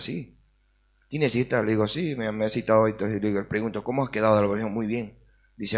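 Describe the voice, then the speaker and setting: Guy telling his faith testimony in an interview, earnest, plays out the back and forth. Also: fairly low pitch. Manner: earnest storytelling, acts out dialogue. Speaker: interview guest.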